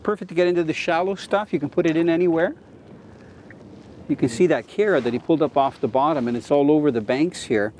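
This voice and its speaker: Male Canadian fishing host, 50s, slightly high pitch, keen and explanatory, casual delivery from a kayak. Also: fast talker, a little mellow, slight background noise. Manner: enthusiastic, explanatory. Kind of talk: casual on-camera fishing commentary. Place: outdoors in a kayak on a lake.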